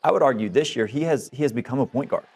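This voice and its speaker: Co-hosting a sports radio show, a man argues his points emphatically in casual sports analysis. His medium-pitched voice is husky and darkish, and he talks fast.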